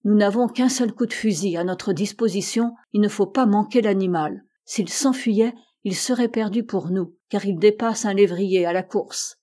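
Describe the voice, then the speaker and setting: A woman reading the lines of a modest, well-read male ship's doctor in a raised, animated voice. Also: medium pitch, normal speed, few pauses, lightly acted. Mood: explaining.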